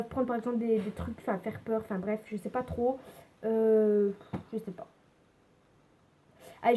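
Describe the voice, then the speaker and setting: A young woman from France chatting casually on her home vlog, answering tag questions with many pauses and fillers. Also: a little high, dark tone. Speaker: vlogger. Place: home bedroom with neighbour noise.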